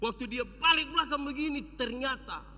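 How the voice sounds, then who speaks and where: High, bright-voiced preacher with a Sumba accent. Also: male voice, fairly quick. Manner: dramatic, swings from shouting to hushed. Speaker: pastor. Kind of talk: revival sermon storytelling. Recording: long church hall reverb.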